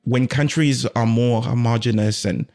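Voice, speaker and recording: A man hosting a casual podcast conversation, animated and rambling at times. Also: medium pitch, measured pace. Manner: animated, loses his train of thought. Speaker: podcast host.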